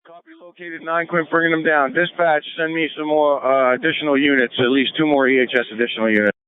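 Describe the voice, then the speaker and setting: A man's voice: a little high, steady tone, fast talker, a little hiss or hum. A man, a fire incident commander, giving clipped orders over a fire radio. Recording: tinny radio transmission.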